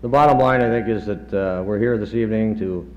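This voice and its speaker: A middle-aged man, a chief of staff, giving a halting tribute speech with dry humor, heard on old worn reel-to-reel tape. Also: fairly low pitch, a little mellow. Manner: halting, many pauses and fillers, dry humor. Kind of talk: after-dinner tribute speech. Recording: dull worn 1970s tape with faint hum.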